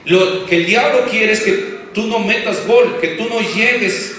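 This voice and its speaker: A pastor preaches emphatically in a church hall, asking the congregation questions as he goes and drawing football comparisons. His voice sits high, a bit bright and unhurried. The recording is echoey and distant, with faint background noise.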